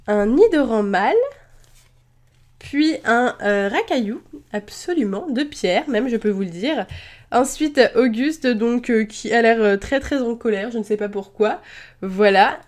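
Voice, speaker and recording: A young woman chatting casually as she opens trading card packs at home, hesitant and full of fillers but excitable. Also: fairly high pitch. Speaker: YouTuber opening trading cards. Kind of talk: casual card-opening commentary.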